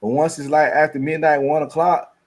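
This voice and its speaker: A man's voice: a little high, level tone, brisk. A man chatting loosely and rambling, laughing between lines. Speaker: podcast co-host. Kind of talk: casual chat.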